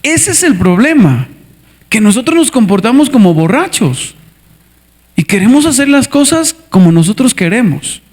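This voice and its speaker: A man preaching a sermon as a pastor, animated, acting out little scenes and asking the congregation to answer back. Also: very high-pitched, normal speed. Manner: animated, asks the congregation for responses; acts out scenes with character voices. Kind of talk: lively sermon with acted skits.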